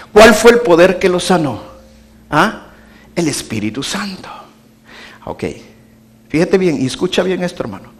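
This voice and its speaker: A man preaching a sermon as pastor, moving between emphatic declarations and hushed low asides.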